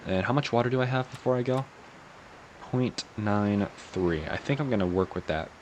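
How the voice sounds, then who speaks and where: A man giving calm, unhurried game commentary, musing to himself in a low voice fresh from sleep. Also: highs cut off. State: morning voice, recently woken. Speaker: gaming channel host. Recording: clear steady background ambience noise.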